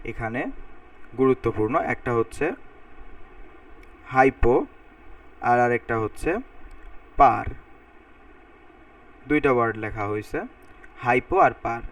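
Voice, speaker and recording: A man's voice: mid-range voice, very animated, unhurried, long pauses, no echo. Man teaching chemistry from a distance. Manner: talks while writing on a board, thinking aloud, repeating sounds to drill pronunciation. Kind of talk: recorded lecture explaining formulas. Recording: voice a bit far from the mic.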